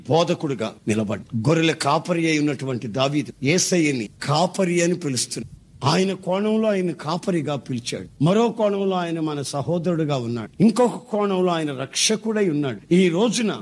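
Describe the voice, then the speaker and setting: A man preaching a sermon with fervor, swinging between hushed lines and loud bursts. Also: a little high, slightly rough. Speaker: pastor.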